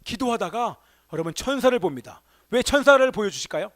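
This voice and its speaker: A male pastor with a high-pitched voice preaches a Sunday sermon in a church sanctuary. He keeps asking the congregation rhetorical questions. His delivery swings from emphatic, raised exclamations to soft, hushed asides. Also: lively intonation, brisk.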